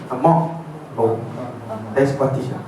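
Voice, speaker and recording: A man giving a lively storytelling lecture on religious history and mixing in English words. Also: medium pitch, slow pace, noisy background. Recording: echoey room from far off.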